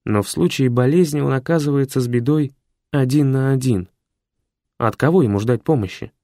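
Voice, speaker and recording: A man narrating a first-person story as an audiobook, in a steady, measured way. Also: medium pitch, dry recording, clean studio sound.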